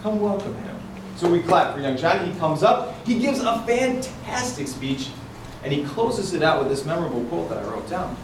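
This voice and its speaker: A man giving a tall tale speech in a theatrical storytelling manner with deliberate dramatic pauses, recorded indoors. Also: on the high side, lively intonation. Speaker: contestant in a club speech contest. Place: indoor room before an audience. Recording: echoey room, far from mic, noisy.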